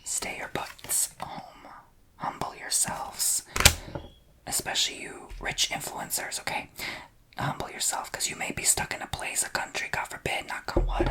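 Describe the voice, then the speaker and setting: Sassy woman whisper-shouting a tarot reading. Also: low-quality recording. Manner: sassy, blunt and goofy. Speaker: tarot reader.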